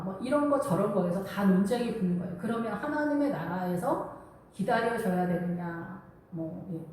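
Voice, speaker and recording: A woman's voice: a little high, darkish tone, a little hiss or hum. A middle-aged woman pastor giving a sermon in a conversational way, weaving in personal stories and acted-out inner thoughts. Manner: conversational preaching with personal anecdotes and quoted inner voices. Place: church sanctuary. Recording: echoey room, voice from a distance.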